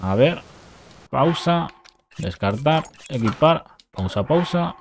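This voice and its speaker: A man's voice: a little high, animated, slow pace, slight background noise. Man narrating a game glitch. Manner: talks through steps, repeats short commands. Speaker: gaming youtuber. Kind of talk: casual game tutorial commentary.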